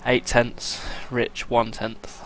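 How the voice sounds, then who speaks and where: Young guy, bright tone, casual sim-racing co-host, light hiss on the line. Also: medium pitch, very slow. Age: 20s. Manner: relaxed, chatty, reads out lap times with fillers. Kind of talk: casual race commentary.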